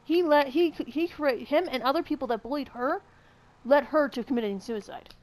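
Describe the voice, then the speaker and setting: A woman's voice: high-pitched, moderate pace, a little mellow. A woman co-hosting a casual podcast, chatty and rambling, with frequent fillers. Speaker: podcast co-host.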